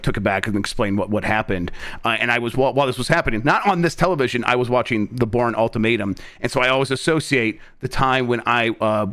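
A man on a podcast, telling a personal story casually in a halting, repetitive, self-correcting way into a close microphone. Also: mid-range voice, a bit bright. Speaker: podcast host. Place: indoor room on a video call. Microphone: close desk microphone.

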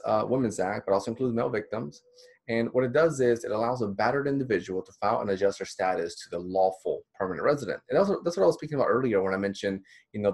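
Man, thirties, from the Dominican Republic, lower register; counselor leading a friendly training slideshow. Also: creaky, breathy edge. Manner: conversational, encouraging, with many fillers. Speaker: counselor teaching a course. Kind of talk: recorded slideshow lecture. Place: small indoor room.

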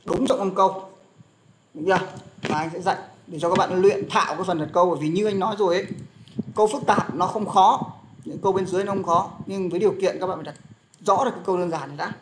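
A man's voice: sits high, fairly even intonation, fast. A young man teaching an English lesson, explaining pronunciation and drilling words aloud, with frequent fillers. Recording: faint background noise and clicks.

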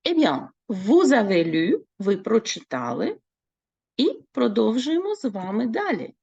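A woman teaching a French lesson, speaking slowly and clearly and repeating words for her learners. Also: fairly high pitch, very animated, a little mellow, dry recording, dull audio. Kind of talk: online language lesson.

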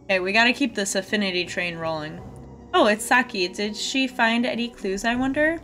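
A woman's voice: mid-range voice, a little fast, sharp tone. Chatty woman streamer over game music. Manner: chatty, reacting aloud and addressing viewers. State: getting over a cold with a cough. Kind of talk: live game stream chat, reading dialogue aloud.

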